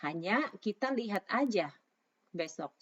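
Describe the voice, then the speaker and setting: A woman with a raspy voice, hoarse from a sore throat, casually talking through trading analysis and mixing in English phrases. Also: mid-range voice, expressive, measured pace. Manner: informal, mixes English phrases into talk. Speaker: trader presenting market analysis. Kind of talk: casual spoken chart commentary. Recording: dull, lo-fi microphone sound.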